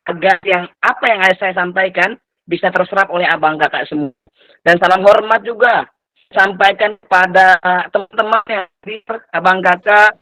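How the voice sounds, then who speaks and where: A young man from Lampung, Indonesia, in his twenties, gives a heartfelt motivational talk, often repeating his phrases and weaving in religious blessings. His voice sits high and bright. The sound is close and dry, with no room around it. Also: no echo, rough recording. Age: 20s. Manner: earnest, repetitive and religious, mixing in Islamic phrases. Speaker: motivational speaker. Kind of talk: motivational talk to an online community.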